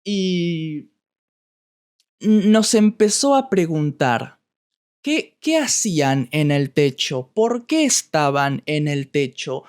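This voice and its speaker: A man with an Argentine accent, a Spanish teacher telling a story slowly for learners, repeating words as he searches for them. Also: fairly high pitch, big pitch swings, clean tone. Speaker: Spanish teacher and podcast host. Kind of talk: slow storytelling for language learners.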